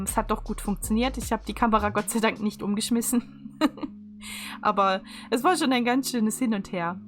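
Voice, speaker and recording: A woman giving a chatty, unscripted craft tutorial voice-over in a casual style. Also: medium pitch. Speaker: video creator. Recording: music behind the voice. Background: instrumental music.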